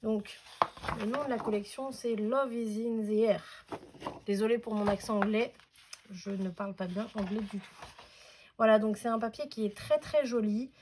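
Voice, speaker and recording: A woman's voice: mid-range voice, moderate pace, background noise. A woman hosting a casual scrapbooking tutorial at home, chatty and hesitant, with many fillers.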